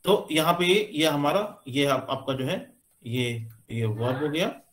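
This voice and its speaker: A man giving a classroom lecture, explaining slowly with many pauses and fillers as he points to what he writes. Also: fairly high pitch. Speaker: teacher. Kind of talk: classroom lecture on English stress.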